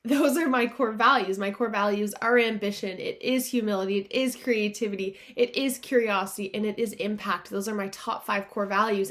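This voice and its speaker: A woman podcast host with a nasal, stuffed-up voice, as if pinching her nose from allergies, speaking earnestly and informally to listeners in a motivational self-help style. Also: mid-range voice.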